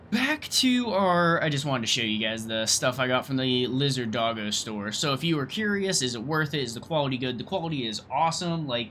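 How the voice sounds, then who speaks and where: A man's voice: mid-range voice, pushed and bright, slight background noise. A young man hosting a let's play, talking casually and enthusiastically, rambling a little and swearing now and then. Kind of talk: casual gameplay commentary.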